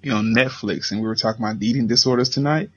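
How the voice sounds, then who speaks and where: A man guesting on a podcast, speaking earnestly and haltingly with fillers, on a lo-fi mic. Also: medium pitch, breathy edge. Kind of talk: casual chat. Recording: dull lo-fi mic.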